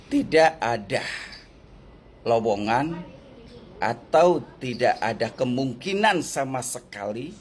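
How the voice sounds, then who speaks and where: Man, unhurried mocking rant, repetitive, slight background hum. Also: mid-range voice. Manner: taunting, repetitive, drawn-out emphasis. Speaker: viewer posting a clip.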